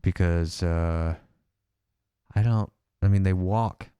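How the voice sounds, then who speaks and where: A man's voice: low-pitched, steady tone, takes it slowly, dark tone, smooth, no echo. A young man co-hosting a podcast in casual chat, hesitant with lots of fillers and restarts. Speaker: podcast co-host.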